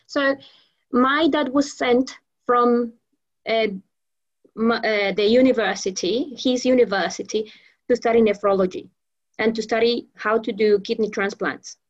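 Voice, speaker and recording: A muffled recording captures a Venezuelan trainer and mentor, a native Spanish speaker, being interviewed as a guest. Her pitch is fairly high and her intonation fairly even at a measured pace, and she often restarts and uses fillers.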